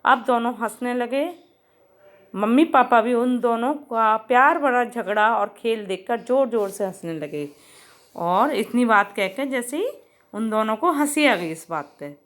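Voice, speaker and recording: Woman teacher retelling a children's story. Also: on the high side. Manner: retells each line twice, explaining.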